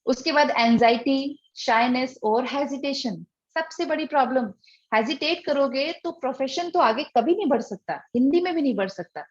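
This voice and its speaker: A high-pitched woman teaches a spoken English lesson, her first language being Hindi. She explains each point in order, poses rhetorical questions and keeps checking in with her listeners. The audio is a little dull and lo-fi. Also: normal speed, husky. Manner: explains step by step with many rhetorical questions and "ठीक है" check-ins.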